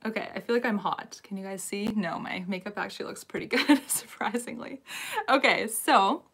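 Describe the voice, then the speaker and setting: A woman's voice: medium pitch, moderate pace, fairly bright tone, breathy edge. A young woman hosting a live Q&A from home on her phone, nervous and giggly as she greets viewers by name. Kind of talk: casual live-stream chat.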